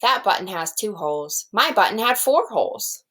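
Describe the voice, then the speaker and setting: A woman's voice: medium pitch, big pitch swings, moderate pace, bright, forceful tone, slightly rough, heavily acted. A woman voicing a grumpy, exasperated male toad from a children's storybook, complaining emphatically. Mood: insistent.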